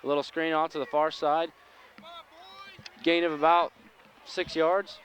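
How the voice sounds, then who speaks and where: A man calling plays at a local high school football game in an easygoing, upbeat way. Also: little pitch movement, measured pace, fairly bright tone. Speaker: football play-by-play announcer.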